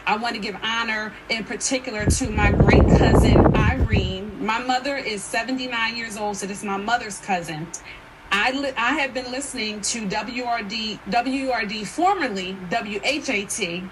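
An expressive woman in her fifties speaks as a radio guest. She tells her story earnestly in a fairly high voice. A loud hiss runs under her noisy line. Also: normal speed. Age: 50s. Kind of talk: call-in radio talk.

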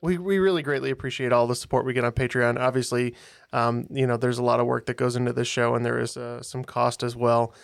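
Man, podcast co-host, gravelly edge, earnest delivery, dry mic. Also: mid-range voice, steady tone, quick pace, no room sound. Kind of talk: casual podcast chat.

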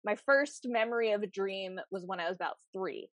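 A woman from the United States hosting a podcast interview, chatting casually and telling stories in an animated way. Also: medium pitch, a little fast, no room sound. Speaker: podcast host.

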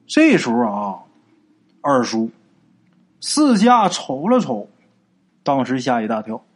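Male ghost-story teller, husky, lively pitch, chatty. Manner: colloquial, animated, drawn-out particles. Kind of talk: spoken folk ghost story narration.

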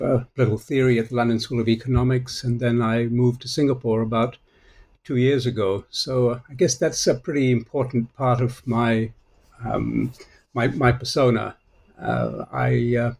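An older man in his sixties, originally from Malaysia, speaks as an academic guest. His voice is gravelly and husky, and he answers hesitantly, with many pauses and restarts. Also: medium pitch, a little mellow. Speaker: guest author, political scientist. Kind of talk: interview answers.

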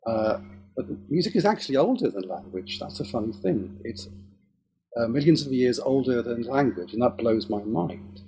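A musician and music academic whose first language is Hebrew, a man who spent early childhood in Israel before being raised in England, speaks English with an English accent. In a relaxed interview about his life in music he's thoughtful and hesitant, restarting often. His mid-range voice is warm, with lively intonation at normal speed.

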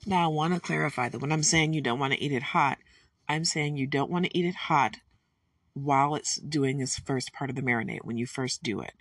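A home cook from Detroit chats as she cooks, folksy and casual, tossing in corny jokes and asides that amuse her. Her voice sits low and moves a little fast, with no room sound. The mic is distant, and guitar music plays behind her.

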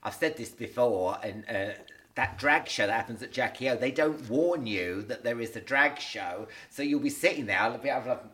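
A man's voice: medium pitch, normal speed, few pauses, fairly bright tone, breathy edge. A man hosting a casual interview, asking questions and adding jokey banter. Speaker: interviewer, podcast host.

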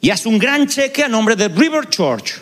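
A male preacher voicing God as a gentle, conversational man who coaxes and corrects. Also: extremely high pitch, sing-song, normal speed, background noise, voice pushed up. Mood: coaxing. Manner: conversational, coaxing. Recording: long hall reverb.

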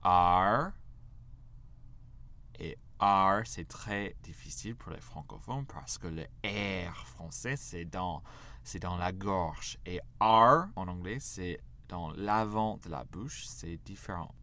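A man's voice: deep voice, slow pace. An American man with an American accent, patiently giving a language lesson and drilling letters for learners to repeat. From United States. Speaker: English teacher.

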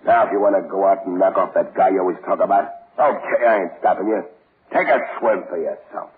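Guy doing a low-voiced crook in an old radio drama, bossy, slangy, tinny hissy sound. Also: fairly quick, lightly acted. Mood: scheming. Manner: tough street slang, bossy and selfish. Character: scheming tough male convict, adult. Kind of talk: 1930s radio drama acting.

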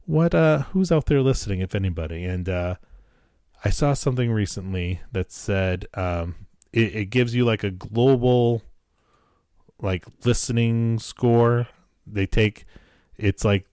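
A man's voice: fairly low pitch, a little mellow, no echo, studio quality. A man hosting a podcast in casual chat, joking in a self-deprecating and sometimes profane way, recorded at home in a basement. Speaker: podcast host. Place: wood-paneled home basement.

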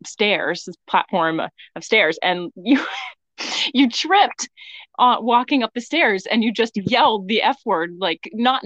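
A giggly American woman co-hosts a casual podcast, telling stories in an easy chat. Her medium-pitched voice sounds muffled and very dry, as if recorded in a small closet. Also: fairly bright tone, no room sound. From Maine, USA. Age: adult, mother of young children. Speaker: podcast co-host. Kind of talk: casual chatty storytelling. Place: inside a closet at home.

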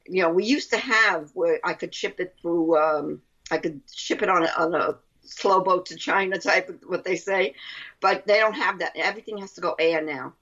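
A woman's voice: on the low side, moderate pace, fairly bright tone. Brooklyn-accented woman on a dull lo-fi line. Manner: rambling, repeats phrases. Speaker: interview guest, author. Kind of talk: casual chat.

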